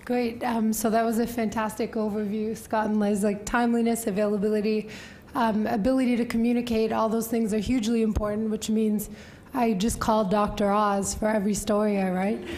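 A woman's voice: mid-range voice, little pitch movement, brisk, a little mellow, slight background noise. A young woman speaking as a journalist on a panel, conversational with frequent fillers, at a table microphone in a wood-panelled hall. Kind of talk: panel discussion remarks.

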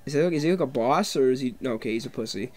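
A man bantering casually as a gameplay co-host, exclamatory and quick to swear. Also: medium pitch, a little mellow. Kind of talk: casual joking gaming banter.

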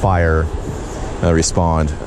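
Male host, deep voice, rambling on-scene narration, outdoor camera audio with clear wind noise. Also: slow pace. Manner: relaxed, rambling with many fillers and restarts. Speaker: news videographer and show host. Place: outdoors on a windy beach bluff. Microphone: handheld action camera.

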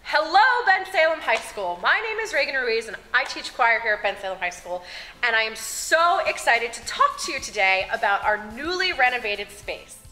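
A middle-aged woman teaching choir talks eagerly about her new room. Her voice is bright and a touch high. She is taped in a spacious empty classroom with soft music under her. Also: big pitch swings, normal speed, rough recording. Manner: enthusiastic, gestures broadly while talking. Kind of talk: on-camera school interview.

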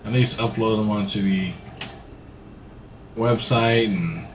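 Slow and fairly low-pitched, a middle-aged man's voice drifts along casually while he plays a farming game for his livestream. He's in a gaming seat in a room at home, with a touch of hiss or hum on the recording.

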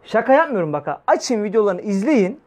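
A man delivers a weekly religious talk in a high, tenor voice. He preaches in a fiery, scolding way and keeps throwing rhetorical questions at the listeners. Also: big pitch swings, brisk.

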